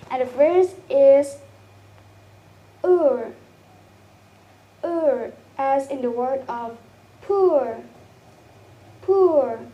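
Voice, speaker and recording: A young woman giving a student presentation, slowly sounding out each example vowel twice. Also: high voice, dark tone. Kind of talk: classroom presentation.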